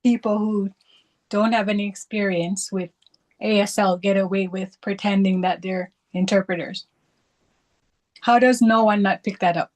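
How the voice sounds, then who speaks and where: A woman's voice: mid-range voice, steady tone, normal speed, rough recording. Curious woman asking questions on a call. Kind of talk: casual chat. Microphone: video call.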